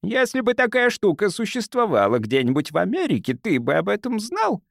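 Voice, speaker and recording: A man voicing a genial, crafty doctor who bargains in a soft, sugary, unhurried voice for an audiobook. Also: sits high, huge pitch swings, gravelly, no echo, studio quality, pitched above the performer's own voice, full character voice. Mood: sly, coaxing.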